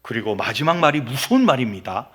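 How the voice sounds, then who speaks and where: A middle-aged man preaching a Sunday sermon in a church, emphatic and given to rhetorical questions, jumping from loud exclamations to quiet asides. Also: medium pitch, very animated, quick pace. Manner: acts out quoted voices and asks rhetorical questions. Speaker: pastor. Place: church sanctuary.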